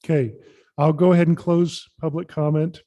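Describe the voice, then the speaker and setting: A man chairing a city council meeting in a measured, procedural way. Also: a little high, flat delivery, warm tone.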